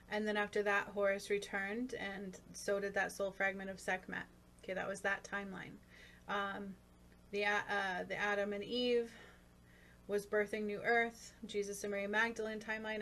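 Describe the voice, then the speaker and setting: Woman with flat intonation, casual spiritual commentary. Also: medium pitch. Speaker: spiritual commentator on own session. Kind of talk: casual spoken commentary on a recording. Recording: faint constant background noise.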